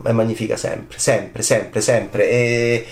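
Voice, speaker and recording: A man, a film critic, giving casual commentary on an awards night, rambling and enthusiastic, moving from soft asides to excited high bursts. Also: slow, reverberant.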